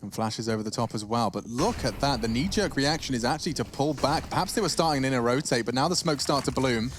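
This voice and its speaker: A man's voice: mid-range voice, fast talker, a little hiss or hum. Male esports caster in live match commentary.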